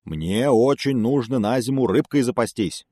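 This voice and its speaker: A man doing a booming, clumsy bear. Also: expressive, warm tone, no room sound, studio quality, lightly acted. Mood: eager. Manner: booming and slow, gruff. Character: big clumsy greedy male bear.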